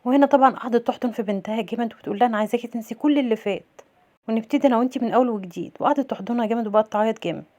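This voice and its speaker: A woman with an Egyptian accent casually recapping a drama episode, retelling each scene and quoting the dialogue in an even voice. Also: a little high, very fast, highs cut off. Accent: Egyptian Arabic. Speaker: series recap narrator.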